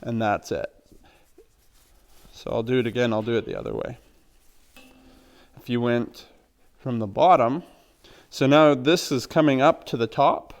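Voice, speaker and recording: A man, a horse trainer, calmly explaining knots step by step in a plain, practical way. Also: medium pitch, unhurried, creaky, long pauses. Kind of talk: instructional demonstration.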